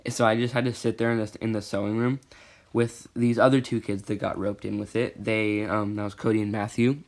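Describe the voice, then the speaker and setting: A man's voice: fairly low pitch, flat delivery, a little fast, darkish tone. Teen guy storyteller, casual vlog, rambling delivery, gets worked up. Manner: rambling, self-correcting, rising to agitated emphasis.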